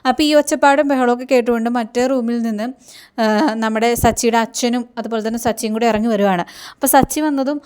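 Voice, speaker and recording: A woman's voice: on the high side, clear, resonant tone. A woman retelling a TV serial episode, acting out each character's quarrelsome lines. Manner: fast, animated retelling with frequent fillers.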